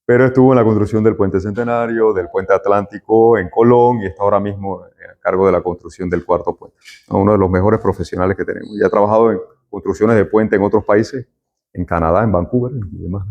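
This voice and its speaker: A man's voice: fairly low pitch, steady tone, quick pace, muffled recording. A middle-aged man, a university lecturer taking roll and chatting with students in a classroom. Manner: friendly, chatty, jokes with students.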